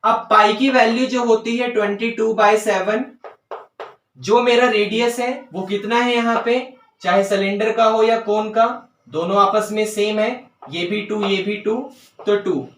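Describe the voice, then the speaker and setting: A man teaching a maths lesson step by step, often checking whether students follow and slowly dictating terms as he writes. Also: sits high, fairly even intonation, a bit bright, distant mic. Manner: dictates English terms slowly while writing. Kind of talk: board-work maths lesson. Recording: roomy sound, voice away from mic.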